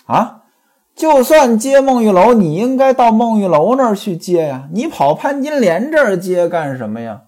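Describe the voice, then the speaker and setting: A man retells a classic novel and comments on it in a chatty way. He keeps speaking straight to his listeners. His voice sits slightly high and swings widely up and down. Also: sing-song, normal speed, a little mellow. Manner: chatty, addresses listeners directly. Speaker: storyteller and commentator.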